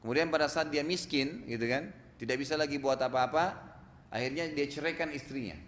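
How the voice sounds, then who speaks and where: A man's voice: a little high, brisk. Man preaching in an echoey hall. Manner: animated, rhetorical questions to the audience. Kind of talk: storytelling sermon. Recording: echoey hall, faint ambience.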